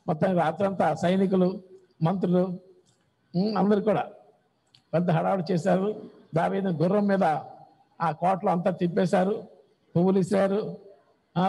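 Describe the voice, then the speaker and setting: A pastor from South India preaching a sermon in a church hall, animatedly retelling scripture as a story and mixing in English words. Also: male voice, high-pitched, creaky, dark tone, husky.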